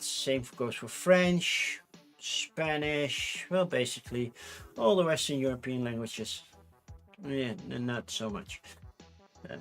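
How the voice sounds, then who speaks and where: On a livestream, a male streamer rambles casually in English, his second language, with a Dutch accent, plenty of fillers and frequent restarts. His pitch is medium.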